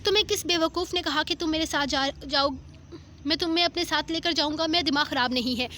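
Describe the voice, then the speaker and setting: A woman's voice: sits high, steady tone, fast, fairly bright tone, slight background noise. A woman voicing an angry young husband who speaks harshly and dismissively. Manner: harsh, scolding.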